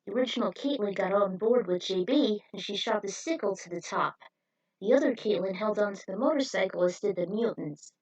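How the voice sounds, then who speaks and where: A woman narrates an adventure tale as an amateur podfic reader, following a script in a lo-fi home recording. Her mid-range, darkish voice is lively and fairly quick, with a breathy edge and no room sound.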